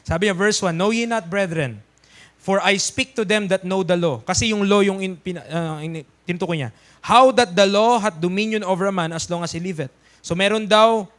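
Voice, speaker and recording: A man with a Filipino accent preaching a church sermon, emphatic, calling out amens and dropping to soft asides. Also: high voice. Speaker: pastor.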